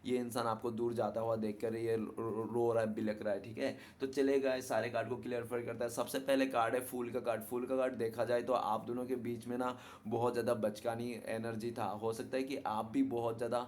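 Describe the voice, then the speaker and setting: A male tarot reader gives his viewers a casual, chatty reading, often tacking on "ठीक है ना" as a tag question to make sure they follow. His mid-range, slightly mellow voice stays level and moves fairly quickly with hardly any pauses. There is slight background noise.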